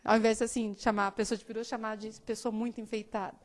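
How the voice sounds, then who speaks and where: A woman teacher from São Paulo state with a São Paulo Portuguese accent softened by years in the south, giving a live classroom lecture and often checking that students understand. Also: fairly high pitch, flat delivery, quick pace. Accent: São Paulo Portuguese, softened by years in southern Brazil. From São Paulo state, Brazil.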